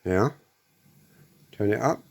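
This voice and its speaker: Slow and creaky, with a fairly low pitch, this presenter casually walks through an audio equipment fault one step at a time. He repeats himself and tosses in short tag questions to check understanding.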